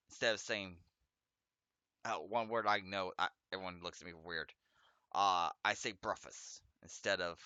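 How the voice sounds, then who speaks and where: A man with a slight lisp and a bright, forceful voice chats his way through a game, reading its lines aloud. His S and R sounds come out a little off, and he trips over foreign words and corrects himself. The recording is dry and close, with no room sound. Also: fairly low pitch, clear, resonant tone, no room sound. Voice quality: speech impediment, trouble with S and R sounds, a slight lisp. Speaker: let's play host. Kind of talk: casual gameplay commentary, reading game text aloud.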